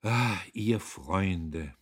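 A man's voice: low voice, animated, extremely slow, breathy edge, exaggerated voice. A man reading an audiobook, voicing a drunk, sentimental older liberal who declaims grandly. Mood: musing grandly. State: tipsy.

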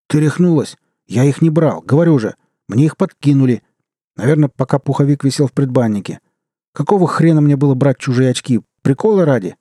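A man voicing a rough, crude Siberian man in an audiobook, gruff and swearing. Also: mid-range voice, animated, brisk, mellow, no room sound, clean studio sound, voice pushed up, lightly acted. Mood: indignant. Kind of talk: audiobook character reading.

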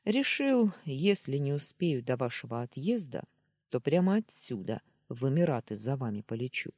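A woman voicing a tired young man who talks slowly and coaxingly on the phone, with a husky voice. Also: a bass voice, sing-song, darkish tone, no room sound, studio quality, full character voice. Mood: guilty. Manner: slow, coaxing, teasing drawl.

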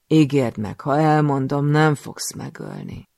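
Man voicing a gravelly scheming cult master. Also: a little high, lively intonation, darkish tone, no echo, clean studio sound. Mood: pleading. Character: cruel scheming male cult master, pleading.

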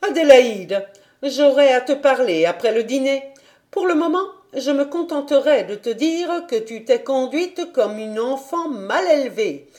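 A woman reading an audiobook voices a stern, indignant governess who scolds a child and raises her voice to shouts. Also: high-pitched, lively intonation, measured pace, pitched above the performer's own voice. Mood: solemn scolding.

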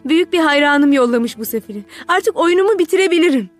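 A woman's voice: sits high, expressive, fast talker, soft background music, voice pushed up. A woman voicing a poor young male playwright in an audiobook, exclaiming with delight. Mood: elated.

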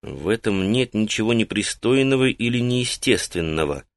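A man reading as a calm, thoughtful mage. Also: fairly low pitch, no room sound, clean studio sound. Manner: quiet, measured questioning.

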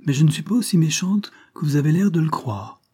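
Casting: a man voicing a cheeky, flirtatious courtesan, raised pitch, husky dark tone, theatrical audiobook reading. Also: lively intonation. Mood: teasing, brash. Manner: teasing, theatrical, quick-tempered.

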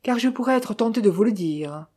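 Grave gentleman adventurer, read by a woman. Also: fairly high pitch, expressive, fairly quick, breathy edge. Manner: grave, earnest. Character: cultured adventurer man, grave and modest. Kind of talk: audiobook reading.

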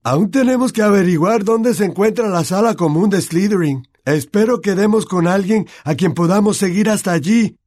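A man's voice: high voice, moderate pace, few pauses, darkish tone, no room sound, clean studio sound, voice pushed up. A man voicing a teenage boy wizard who speaks in a raised, urgent voice.

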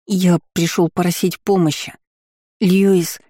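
A man's voice: high-pitched, level tone, slow, mellow, dry recording, clean studio sound, voice pushed up. A man voicing a frightened, ragged little boy who is crying and sniffling as he speaks. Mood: tearful.

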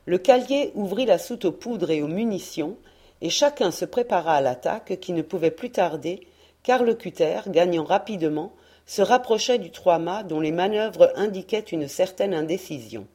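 A woman narrating a historical adventure novel in a measured, expressive reading voice. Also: on the low side. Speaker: audiobook reader. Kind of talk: scripted narration.

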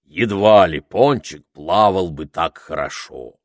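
A man voicing a huge, kindly creature who is hard of hearing and talks slowly in a pompous, fussy way. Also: deep voice, expressive, no echo, clean studio sound.

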